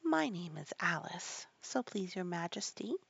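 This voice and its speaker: A woman's voice: mid-range voice, big pitch swings, takes it slowly, vocal fry, fairly bright tone, breathy edge, no room sound, dull audio, exaggerated voice. Woman reading as Alice, a bold, polite girl. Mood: polite, composed. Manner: polite, decided. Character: polite but bold, self-possessed little girl Alice.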